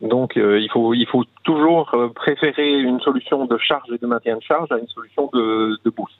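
A man's voice: medium pitch, normal speed. A man giving explanatory interview answers as a company manager who is a guest on radio. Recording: tinny phone line on radio.

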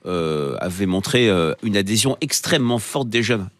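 Male commentator, lowish pitch, measured halting analysis, dry studio. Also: expressive, no echo. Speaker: debate commentator.

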